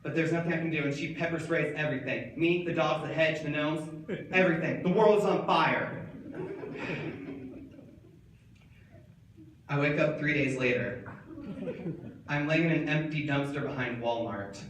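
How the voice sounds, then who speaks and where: Guy doing a comic monologue on stage, pretty high voice, big echoey room, mic far off. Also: unhurried, long pauses, background noise. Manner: animated storyteller, shouting quoted lines. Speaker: monologue performer.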